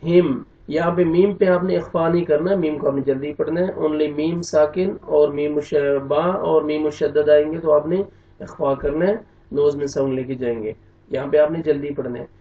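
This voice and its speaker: In a Pakistani Urdu accent, a man with a slightly high voice and fairly even intonation gives a tajweed lesson, spelling out letters and vowel marks before reciting slowly with long, drawn-out notes. His slow recitation alternates with brisk explanation, and the recording sounds roomy, distant, dull and lo-fi.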